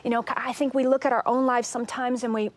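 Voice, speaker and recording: Earnest, animated woman guest. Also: fairly high pitch, fast talker, no echo. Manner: earnest and animated, acts out quotes in a raised excited voice. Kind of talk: casual talk show testimony.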